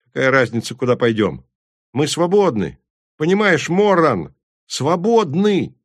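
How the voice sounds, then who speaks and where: A man's voice: fairly high pitch, sing-song, a little slow, no echo, studio quality, pitched above the performer's own voice. A man reading an audiobook, voicing a bold, joyful young woman who speaks shrilly. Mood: exuberant.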